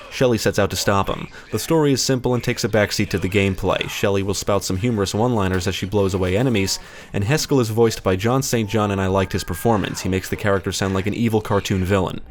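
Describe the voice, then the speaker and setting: A man with a fairly low voice reads a scripted game review at a quick clip. It is a voice-over, with faint noise behind him. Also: steady tone.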